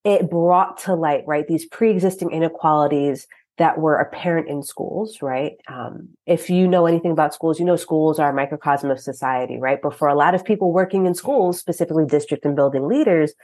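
Woman guest on a podcast, low voice, thoughtful, keeps asking "right?". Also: fairly quick, dark tone. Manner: thoughtful, leans on tag questions. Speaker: guest professor. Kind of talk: casual interview.

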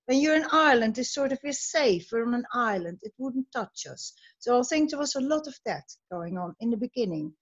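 Lively older woman, high-pitched. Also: fairly quick, hardly any pauses. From Netherlands. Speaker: exercise group member being interviewed. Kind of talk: interview over a video call. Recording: dull muffled call audio.

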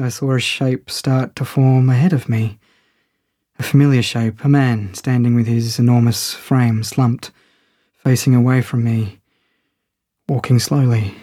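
A man's voice: mid-range voice, flat delivery, measured pace, mellow, no echo, studio quality. A man narrating a first-person audio story in a wry, conversational way.

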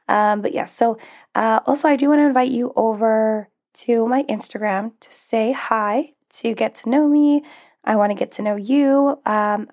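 On her solo podcast, a young female life coach talks casually in a fairly high, somewhat mellow voice. Her manner is upbeat and encouraging, sprinkled with little laughs and fillers. She's getting her voice back after losing it, so there's some strain and it may crack.

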